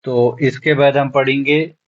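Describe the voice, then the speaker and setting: A man's voice: mid-range voice, level tone, measured pace, highs cut off. A man teaching a beginners' lesson, spelling out words letter by letter and repeating them patiently. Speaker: shorthand teacher. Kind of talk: classroom lesson.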